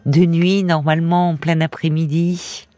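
A woman hosting a late-night call-in radio show, gently encouraging her caller with frequent murmured agreement. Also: sits low, little pitch movement, unhurried, dry recording. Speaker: radio host.

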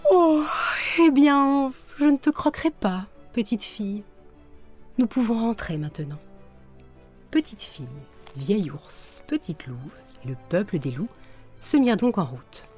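Soft-voiced woman reading a story. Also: fairly low pitch. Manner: gentle, soft-spoken, at times whispering. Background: faint music.

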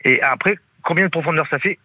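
A man's voice: on the high side, no room sound. A man in his forties calling in to a radio show, chatting casually and agreeing eagerly with the host. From France. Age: 40s. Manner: eager, agreeable, quick to affirm. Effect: radio call-in line, lo-fi sound. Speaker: caller. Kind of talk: casual call-in conversation.

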